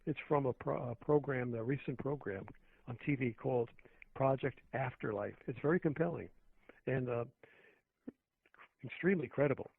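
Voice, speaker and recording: A man's voice: mid-range voice, normal speed, gravelly, pauses often, slightly rough. A man calling in as a radio show guest, rambling on and on with plenty of fillers and restarts. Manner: meandering, with many fillers and restarts. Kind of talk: rambling phone-in conversation. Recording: tinny phone line.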